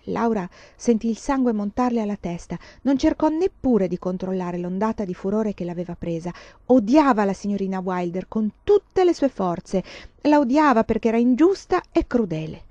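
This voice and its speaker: A woman narrating a storybook with an expressive, dramatic reading. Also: medium pitch, moderate pace, no echo. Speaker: audiobook reader. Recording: dull, dry lo-fi recording.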